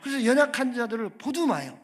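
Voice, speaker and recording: A man's voice: very high voice, big pitch swings, quick pace. A man preaching a sermon as a guest pastor in a church, emphatic, calling for amens and putting questions to the congregation. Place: church sanctuary.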